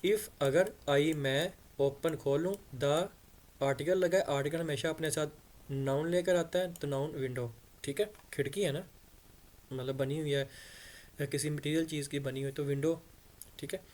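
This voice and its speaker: A man's voice: a little high, fairly even intonation, normal speed, darkish tone. Patient man spelling out English words. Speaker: English teacher. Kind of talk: explaining English in Hindi-Urdu.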